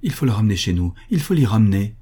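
A man voicing a grieving, dazed old peasant grandmother in a read-aloud story, speaking in a soft but firm, murmuring way. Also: lowish voice, sing-song, fast, slightly rough. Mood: insistent.

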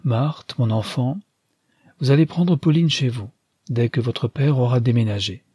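A man reading aloud, voicing a composed, commanding old grandmother who gives counsel in a measured way. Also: medium pitch, mellow, breathy edge, no room sound. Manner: measured, authoritative.

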